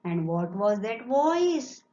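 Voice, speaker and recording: A woman's voice: medium pitch, sing-song, slow, warm tone. A woman teacher, reading and explaining a story lesson, repeating phrases and explaining them. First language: Marathi. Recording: echoey room, dull lo-fi sound.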